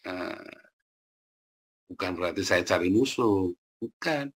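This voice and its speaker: Booming, lively preacher man. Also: slow, husky. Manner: booming, teasing, colloquial. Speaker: pastor. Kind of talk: sermon.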